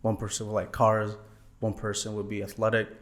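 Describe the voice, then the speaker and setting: Answering interview questions with polite "yes sir"s and frequent "um"s, this young Thai guest, once a college student, speaks in a lowish, monotone voice at a brisk pace.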